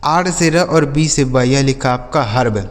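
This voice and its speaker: A male English teacher, teaching a class. He asks questions and answers them himself, and says words slowly, sound by sound. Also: mid-range voice, big-room sound. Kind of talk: classroom-style lesson.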